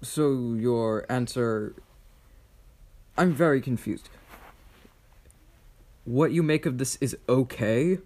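A man's voice: medium pitch, takes it slowly, pauses often, darkish tone. A young man running a tabletop game, reading dramatic lore and teasing his players. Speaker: game master.

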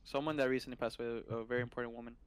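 A man in a casual group chat, swearing heavily and talking in an animated way. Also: medium pitch, rapid-fire, clear, resonant tone, poor audio.

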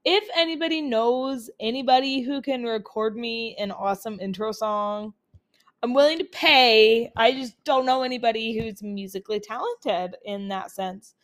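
A young Utah woman hosts a casual solo podcast through her laptop's built-in mic, chatty and upbeat and full of fillers. Her voice is a little high at a moderate pace, still recovering from colds.

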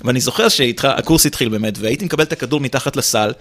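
A man who is a stand-up comedian, telling stories in a casual interview with a slightly rolled r and animated impressions. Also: mid-range voice. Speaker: guest, stand-up comedian and actor.

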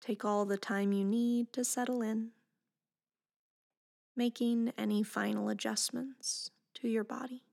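A woman with a fairly high voice leads a meditation, her pitch barely moving as she gives calm, unhurried directions. She sounds soft and breathy, letting each phrase fade almost into a whisper.

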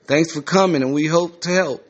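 A man's voice: on the high side, normal speed, highs cut off, voice pushed up, close to an everyday voice. A man voicing a patient, formal middle-aged rehab counselor.

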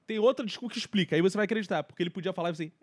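A man's voice: high-pitched, rapid-fire. A man co-hosting a casual chat, thoughtful and opinionated, often saying "cara". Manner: reflective, uses filler "cara", opinionated. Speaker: podcast co-host.

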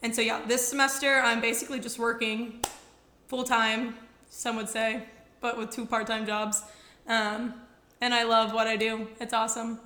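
A young American woman co-hosts a podcast in a husky yet bright voice. She chats in a bubbly, slangy, informal way, pitched a little high. The room adds a noticeable echo. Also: little pitch movement, normal speed, slight background noise. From Texas, United States. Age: early 20s. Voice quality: husky from vocal nodules. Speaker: podcast co-host. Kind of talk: casual chat. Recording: roomy, echoing room sound.

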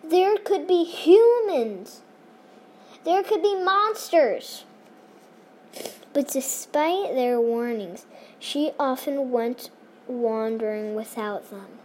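A prim alien woman tells a spooky tale in a high voice, as a woman reads her part. The reading is very slow and keeps stopping for pauses, with faint room noise behind it. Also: lively intonation, a little mellow. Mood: storytelling. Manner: halting, pausing reader. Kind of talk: fan comic reading.

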